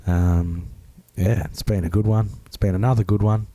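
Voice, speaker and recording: A man with a hoarse, grating, strained voice, chatting casually as a podcast co-host. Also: fairly low pitch, steady tone, moderate pace, mellow, no echo. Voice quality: grating, rough. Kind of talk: casual chat.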